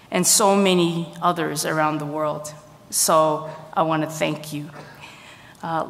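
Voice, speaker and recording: A woman pastor speaking in a measured, deliberate way, as in a scripture reading or a formal introduction. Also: lowish voice, fairly bright tone. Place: large church hall, at a pulpit. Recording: reverberant hall sound.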